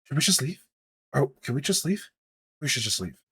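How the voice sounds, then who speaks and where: A man's voice: mid-range voice, very animated, normal speed, fairly bright tone, breathy edge, full character voice. A man voicing a nervous, sweaty masked woman who is a dragon scholar, stammering and hesitant in a tabletop game.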